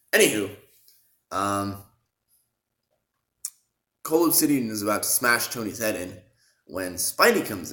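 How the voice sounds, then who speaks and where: A young man casually recapping a movie plot, rambling with fillers and throat-clearing, with sudden excited bursts. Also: sits low, roomy sound. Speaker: movie reviewer.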